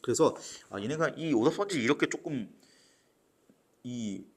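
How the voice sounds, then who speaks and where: A man's voice: medium pitch, expressive, a little slow. A man teaching literature for exams, explaining step by step and often checking with "right?". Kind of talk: exam lecture.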